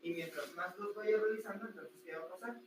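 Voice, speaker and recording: A man teaching anatomy to a class, lively and full of rhetorical questions to his students. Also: high-pitched, fairly quick. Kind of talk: classroom lecture. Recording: echoey room, distant mic, noisy.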